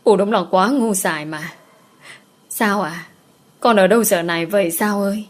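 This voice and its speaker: A desperate older mother from a village tale, wailing and pleading for her lost daughter, as a woman reading the story puts her on. She sits at a middle pitch for the reader. The telling stays close to a plain read-aloud storybook. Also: normal speed, natural voice. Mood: grieving.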